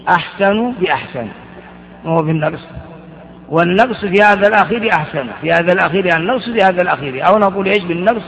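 A man's voice: high voice, racing, creaky, fairly bright tone, soft background music. A man teaching Arabic grammar in class, asking questions and answering them himself with frequent restarts. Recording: dull, reverberant hall recording.

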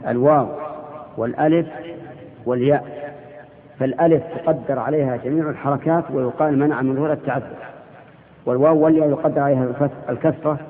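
A man leads a grammar class, slowly and deliberately quizzing his students. His voice sits at an ordinary middle pitch. The audio is thin and phone-like, with a long reverberant tail. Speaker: grammar teacher. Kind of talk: classroom lesson with questions to students. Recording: tinny lo-fi audio in a reverberant hall.

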